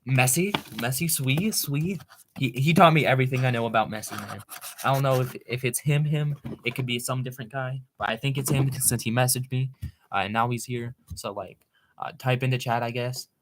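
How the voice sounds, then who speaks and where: Rambling, excitable young streamer man. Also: mid-range voice, a little hiss or hum. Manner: rambling, excitable, talks fast. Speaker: live streamer. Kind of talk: casual live-stream chat.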